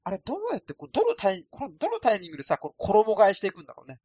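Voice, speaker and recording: A man's voice: high voice, wildly swooping pitch, very fast, darkish tone, husky, dull audio. A man from Osaka rambling casually through a solo podcast, with a thin, light voice and a self-deprecating manner. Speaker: podcast host. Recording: dry, no added echo.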